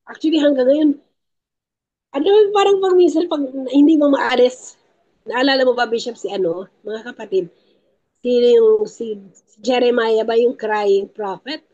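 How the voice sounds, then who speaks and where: A woman's voice: on the high side, normal speed, mellow, dull audio. A woman giving a teaching talk at a prayer group, emphatic and repeating her key points, with tearful moments. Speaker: lay speaker at a prayer group.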